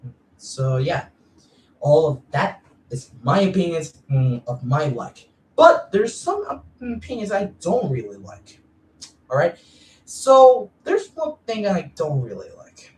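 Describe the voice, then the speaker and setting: A woman's voice: low voice, very animated, measured pace, a little mellow, distant mic, a little hiss or hum. A woman giving a casual, spoiler-filled movie review. She hesitates and hums a lot between words, and she keeps insisting that she is serious. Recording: echoey room, voice away from the mic.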